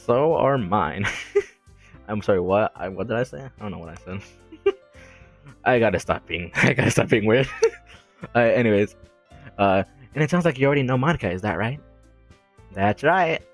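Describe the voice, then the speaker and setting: A man's voice: fairly low pitch, lively intonation, moderate pace, pauses often, soft background music. Giggly young man reading a game aloud. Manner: giggly, self-deprecating, rambling. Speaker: let's play gamer. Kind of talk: reading a visual novel aloud with commentary.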